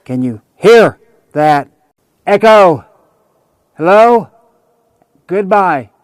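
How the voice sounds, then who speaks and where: A man on a hike, outdoors at the end of a canyon trail, calling out loudly to hear his voice echo off the canyon walls. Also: high-pitched, lively intonation, drawn-out words. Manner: loud, stretched calls to test the echo. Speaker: hiking vlogger. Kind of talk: casual narration to camera on a hike.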